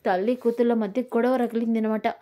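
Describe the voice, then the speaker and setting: A woman's voice: fairly high pitch, fairly even intonation, a little fast, dark tone, natural voice. A woman voicing a scheming, spiteful young woman who taunts her rival. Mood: taunting. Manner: taunting, sneering.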